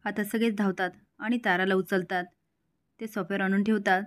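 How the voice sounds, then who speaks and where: A woman's voice: medium pitch, fairly even intonation, a little fast. Woman narrating a serial recap. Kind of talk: spoken episode recap.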